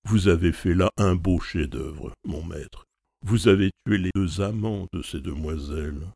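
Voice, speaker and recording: A man's voice: low voice, unhurried, vocal fry, a little mellow, no room sound, clean studio sound, full character voice. A man voicing a shrewd, persuasive valet. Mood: calm, wry. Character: shrewd loyal male servant, calm and persuasive.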